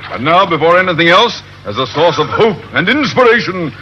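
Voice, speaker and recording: A man's voice: fairly high pitch, sing-song, a little fast, lo-fi sound. An American man playing a pompous, blustering middle-aged captain who is a coward underneath, in old radio sitcom style. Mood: pompous, commanding. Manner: pompous, grandiloquent, theatrical. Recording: noisy old radio broadcast, loud studio audience.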